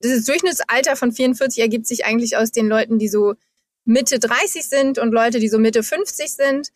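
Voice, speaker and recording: A woman's voice: on the high side, normal speed, no echo. A woman in her thirties, a guest in an interview, explaining figures steadily and with enthusiasm. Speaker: guest, founder of a forest project. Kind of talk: interview answers.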